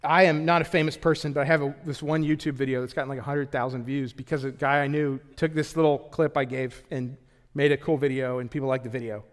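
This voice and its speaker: A man preaching a sermon in a conversational, joking way, with sudden loud bursts. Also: medium pitch, steady tone, quick pace, in a large hall. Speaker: pastor. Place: church auditorium.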